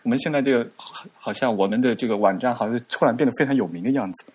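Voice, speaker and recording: A man's voice: mid-range voice, very fast, a little mellow, husky. A man co-hosting a podcast, talking casually and unhurriedly with many fillers. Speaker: podcast co-host. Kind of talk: casual chat.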